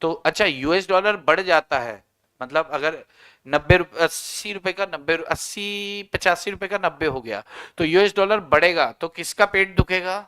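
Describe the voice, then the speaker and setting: A man's voice: sits high, moderate pace, bright, forceful tone, clean tone. A male economics teacher giving a conversational classroom lecture, putting questions to his students and answering them himself.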